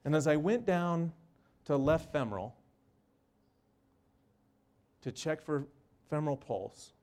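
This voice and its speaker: A man who works in an emergency room gives a personal storytelling talk, earnest and halting, with short repeated phrases. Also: a little high, lively intonation, darkish tone. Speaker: emergency room medical worker.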